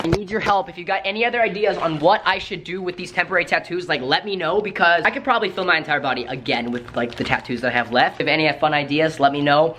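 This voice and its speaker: A young man vlogging at home in a casual, joking way, his voice hoarse from screaming. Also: fairly high pitch, a little hiss or hum. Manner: energetic, joking. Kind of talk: casual vlog talk.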